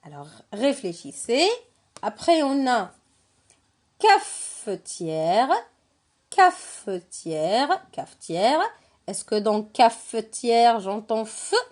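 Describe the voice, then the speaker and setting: Slow, patient woman teaching reading. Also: fairly high pitch, expressive, darkish tone. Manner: patient, repeats and spells out syllables; poses questions to young learners. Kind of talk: slow reading lesson for children.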